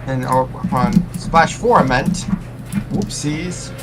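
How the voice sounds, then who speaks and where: A man's voice: mid-range voice, takes it slowly, very noisy. A man giving live video game commentary as a streamer, talking to himself and slipping into pilot radio jargon.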